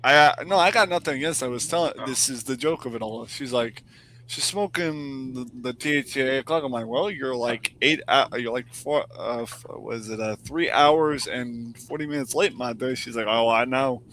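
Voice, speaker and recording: A man hosts a casual streamed chat with a bright, forceful voice. He tells animated stories and swears freely. A faint hiss runs behind him. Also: medium pitch, normal speed, poor audio. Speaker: streamer and podcast host.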